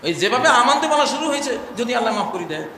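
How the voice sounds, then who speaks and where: A male preacher giving an impassioned sermon, swinging between loud cries and low murmurs and chanting verses. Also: very animated, fast. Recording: echoey hall, faint noise.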